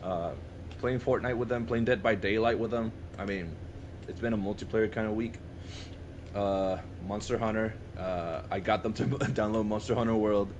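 A man's voice: on the low side, fairly even intonation, moderate pace, a little mellow, dull audio, slight background noise. A young man chatting casually and enthusiastically with friends as a podcast co-host, often restarting and repeating himself mid-thought. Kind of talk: casual chat among friends.

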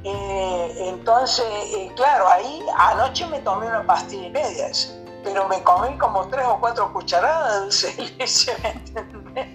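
An Argentine man in his seventies talks as a radio guest in a relaxed, meandering way. He leans on fillers and little tag questions as he goes. Soft music plays faintly behind him. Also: high voice, normal speed, low-quality recording. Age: 70s. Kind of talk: casual radio interview.

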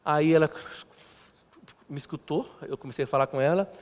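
A male pastor preaching a sermon in a halting, conversational way, repeating words and poking fun at himself. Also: a little high. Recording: long church hall reverb.

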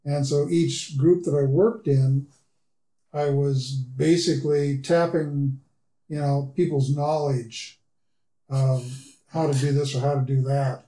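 Mellow-voiced male guest in an echoey room. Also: mid-range voice, fairly even intonation, takes it slowly. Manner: rambling, lots of "uh" and "you know". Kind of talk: casual interview chat. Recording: roomy echo.

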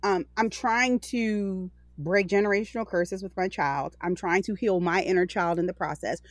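A woman's voice: medium pitch, normal speed, dry recording. A woman in her forties co-hosts a casual podcast chat. She speaks candidly and loosely, backing up to correct herself as she goes. Her voice sits close and dry, with no room sound. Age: 40s. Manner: candid, rambling, self-correcting. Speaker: podcast co-host.

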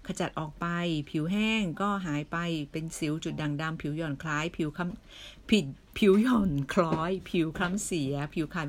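A woman giving a casual, persuasive sales pitch for beauty products, chatty and full of questions for the listener. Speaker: beauty product seller recruiting members.

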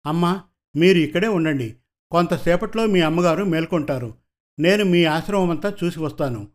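A calm male doctor from a storybook gently reassures the people around him, as a male storyteller reads him. His voice is steady and a little high for a man. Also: normal speed, lightly acted. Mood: reassuring.

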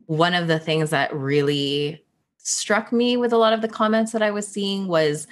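A young woman from the Philippines who grew up in Canada speaks. Her voice sits low and she talks in an earnest, reflective way, dropping small laughs as she works through her points in a casual interview. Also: normal speed. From Philippines, raised in Canada. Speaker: guest.

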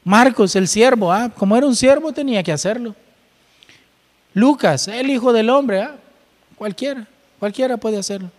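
A man's voice: very high-pitched, animated, normal speed, big-room sound. A man preaching a sermon, explaining scripture and asking his listeners rhetorical questions.

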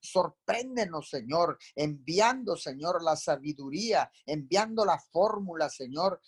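A man's voice: a little high, animated, measured pace, husky, no room sound. A man leading a fervent live prayer, calling on the Lord between every phrase.

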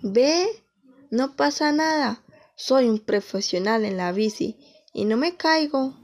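A woman's voice: sits high, lively intonation, takes it slowly. A woman playing a cocky, defiant nine-year-old boy in a children's radio story. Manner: cocky, protesting.

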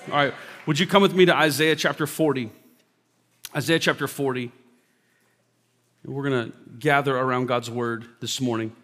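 A pastor reads scripture to his congregation during a live church service, lifting his voice on key phrases and softening for prayer. His mid-pitched male voice rings out with a long hall reverb. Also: fairly even intonation, moderate pace, pauses often. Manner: reads scripture aloud with rising emphasis, then prays softly. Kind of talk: sermon scripture reading and prayer.

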